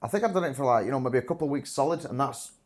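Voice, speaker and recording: A man's voice: mid-range voice, expressive, rapid-fire. A young man from the UK, chatting bluntly and swearing freely as a guest on a vlog. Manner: blunt, sweary, self-deprecating. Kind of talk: casual chat.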